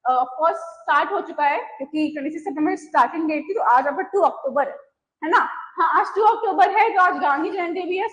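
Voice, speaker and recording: High-voiced woman teaching grammar. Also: fairly bright tone, rough recording. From India. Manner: explains patiently, mixing Hindi and English, slows down on examples. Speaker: English teacher. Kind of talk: online grammar lecture.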